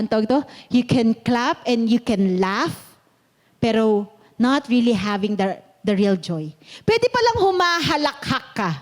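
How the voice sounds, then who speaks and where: A woman pastor with a Filipino accent, preaching an animated sermon that switches between Tagalog and English. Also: a little high. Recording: long reverb of a hall.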